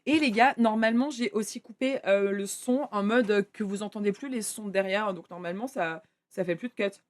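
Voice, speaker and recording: A woman's voice: medium pitch, fairly quick. A young woman streaming live, chatting casually with her viewers and swearing offhandedly.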